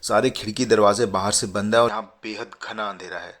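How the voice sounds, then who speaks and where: A man voicing a frightened young man trapped in the dark, urgent and pleading in a hushed tone. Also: lowish voice, fairly even intonation, fairly quick, lightly acted. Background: background music.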